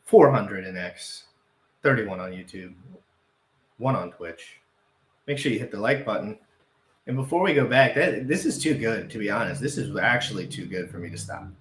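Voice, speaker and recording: A man's voice: fairly low pitch, normal speed, a bit bright, echoey room. A man hosting a casual crypto livestream, rambling and correcting himself, often repeating phrases for emphasis.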